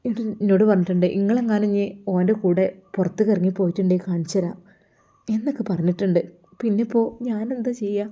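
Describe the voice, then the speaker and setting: A woman's voice: medium pitch, quick pace, warm tone, dull audio, lightly acted. A woman doing a tender worried mother. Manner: coaxing, tender.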